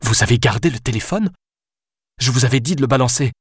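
A man's voice: medium pitch, animated, fairly quick, slightly rough, no echo, studio quality, voice pushed up. A man voicing a sarcastic young Frenchwoman on the run in an audiobook, firing off biting retorts. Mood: exasperated. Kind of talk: audiobook character voice.

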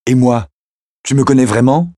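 A man voicing a fierce, protective young woman friend who pleads and shouts sharply. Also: low voice, expressive, normal speed, slightly rough, no echo, studio quality. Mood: urgent, shouting.

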